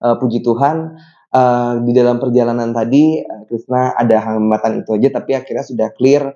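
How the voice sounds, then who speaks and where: A man's voice: mid-range voice, steady tone, fairly quick, warm tone. A young man hosting a church podcast, chatty, telling a story with many fillers. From Bali, Indonesia. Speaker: podcast host. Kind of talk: casual chat. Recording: dull lo-fi podcast audio.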